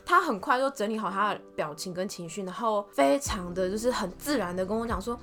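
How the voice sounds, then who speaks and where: A young Taiwanese woman hosts a casual chat podcast, retelling a family story with animated energy and frequent laughter. Her Taiwanese Mandarin comes out fast and bright, with a swooping, lively melody. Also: mid-range voice, soft background music. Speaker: podcast host.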